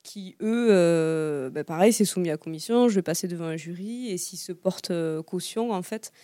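A woman's voice: lowish voice, moderate pace, warm tone, dry recording, studio quality. A woman founding a small zero-waste food business, answering interview questions in a casual, hesitant way with many fillers and restarts. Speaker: guest, founder of a zero-waste tart shop.

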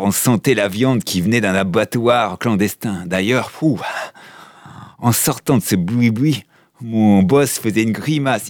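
A man's voice: lowish voice, no room sound, studio quality. A man voicing a talkative male passport in a comic monologue, who complains about his travels and often tacks "hein" onto his sentences. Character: chatty male passport, cold-shy, grumbling about travel.

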